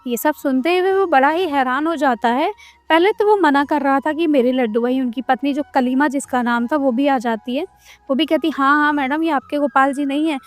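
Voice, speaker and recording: A woman's voice: sits high, normal speed. A woman narrating a devotional story in a conversational retelling style, stitching scenes together with frequent "she says".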